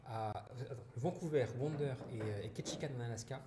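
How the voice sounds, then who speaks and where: A man's voice: mid-range voice, fairly quick. A man hosting a casual live stream, chatting with viewers and reading their messages aloud, with many restarts and "voilà" fillers. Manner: chatty and warm toward chat, frequent restarts and "voilà". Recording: roomy echo with loud background noise.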